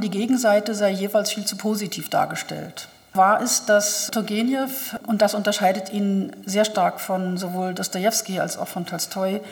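A woman's voice: mid-range voice, creaky, darkish tone. A woman translator reading a novel aloud and then talking thoughtfully about its author. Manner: thoughtful, with fillers. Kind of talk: literary reading and talk. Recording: long hall reverb.

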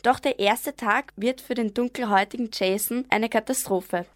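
Young female narrator, calm and measured, slightly high voice. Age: young adult. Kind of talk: radio story reading.

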